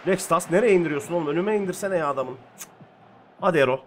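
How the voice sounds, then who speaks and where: Excitable man calling a football match. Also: on the high side, fast, a little hiss or hum. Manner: shouts encouragement at his players, calls play-by-play. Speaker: gaming streamer. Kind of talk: excited football game commentary.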